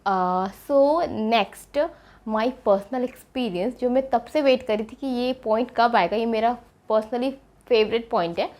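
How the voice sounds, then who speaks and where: A young woman in medical school talks through her everyday schedule for a vlog, keeping a steady delivery punctuated by pauses to think. Her pitch runs fairly high.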